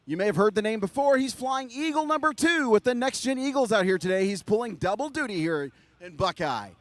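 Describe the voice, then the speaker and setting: A man giving excited live air show commentary with punchy emphasis, hyping up the crowd as announcer. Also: very high voice.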